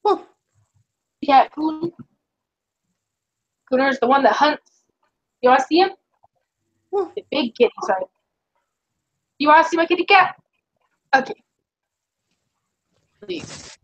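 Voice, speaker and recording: High-voiced chatty young woman streamer. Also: animated. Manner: chatty, giggly, quick asides. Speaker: live streamer and artist. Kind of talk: casual live-stream chat. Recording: muffled lo-fi mic.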